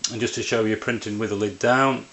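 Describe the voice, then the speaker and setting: A man gives plain-spoken, step-by-step narration for an informal hands-on tutorial by a printer indoors. His voice is on the low side with fairly even intonation, a little fast, against background noise.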